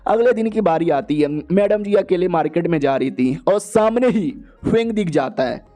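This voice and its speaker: A man's voice: high-pitched, animated, normal speed, warm tone. A man narrating an anime recap in a casual, slangy, joking way.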